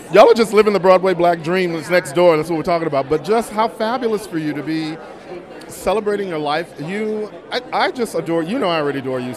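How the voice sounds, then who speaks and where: An American man in his fifties hosting with gushing red carpet chatter, effusive, sassy and full of familiar endearments. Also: on the high side. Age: 50s. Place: outdoor red carpet event. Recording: busy outdoor crowd and street noise. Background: crowd chatter, urban noise.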